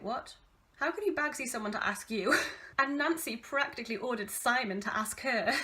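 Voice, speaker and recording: A woman in her twenties with an English accent reads from an old diary with casual asides, in an animated, self-mocking, theatrically exasperated way. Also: fairly high pitch. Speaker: vlogger reading her old teenage diary.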